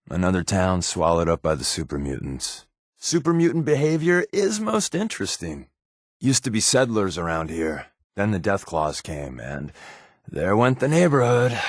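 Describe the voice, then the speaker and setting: An American actor voices a sardonic, wisecracking secret agent companion in a video game, delivering lines in a wry, offhand way. The male voice sits fairly low in pitch, recorded clean in a studio with no echo.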